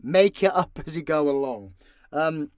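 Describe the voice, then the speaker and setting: A slightly high, expressive male voice takes its time here, captured as clean studio sound without any room tone. The speaker, a voice actor and audio creator, answers fan questions in a casual, unscripted Q&A, frank and full of swearing.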